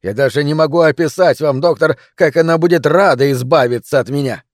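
A man voicing a cranky middle-aged hypochondriac in bed who rants loudly and drags out his words. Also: on the high side, no echo, clean studio sound, close to an everyday voice. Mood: ranting. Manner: shouting, indignant, drawn-out emphasis.

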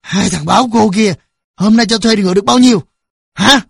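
Drunken middle-aged father, voiced by the narrator, bellowing and threatening, husky. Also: medium pitch, fairly quick, dry recording, clean studio sound, pitched above the performer's own voice. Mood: furious.

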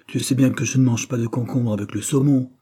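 A man's voice: mid-range voice, fairly even intonation, a little fast, warm tone, breathy edge, voice pushed up, close to an everyday voice. A man voicing a spoiled rude young man. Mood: peevish. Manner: curt, complaining.

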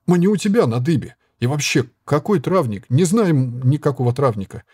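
A man's voice: on the high side, lively intonation, normal speed, slightly rough, no room sound, studio quality, pitched above the performer's own voice. A man doing hot-headed young Fritz. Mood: angry. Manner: loud, brash, outraged.

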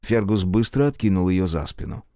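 Low-voiced male audiobook narrator. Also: very animated, normal speed, mellow, no room sound, studio quality.

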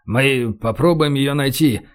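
A man's voice: a little high, moderate pace, natural voice. A man voicing a cornered gang boss who is tense and scared, pleading and lashing out. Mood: desperate.

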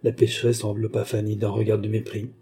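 A man narrating a classic French novel in a measured storytelling manner. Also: fairly low pitch, monotone, creaky, warm tone, husky. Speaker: audiobook reader. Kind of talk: scripted narration.

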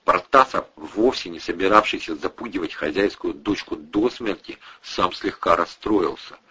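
A man reading a crime novel aloud with a lively, expressive delivery. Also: low voice, normal speed, slightly rough. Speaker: audiobook narrator. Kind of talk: scripted narration. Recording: dull lo-fi audio.

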